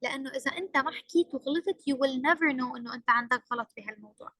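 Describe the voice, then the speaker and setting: A young woman trainer with a Levantine Arabic accent delivers a workshop lecture, slipping English phrases into her Arabic and pressing hard on key words. Her voice sits high and sounds bright and crisp. The recording is dry and close, with almost no room sound. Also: rapid-fire, no room sound, rough recording. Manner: mixes English into Arabic, emphatic.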